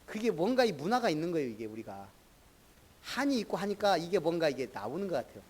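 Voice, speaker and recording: A middle-aged pastor from in Korea preaches. His voice sits a little high for a man. He keeps the sermon conversational and calls on congregation members by name. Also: sing-song, fast talker, darkish tone, husky. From Jeolla, Korea.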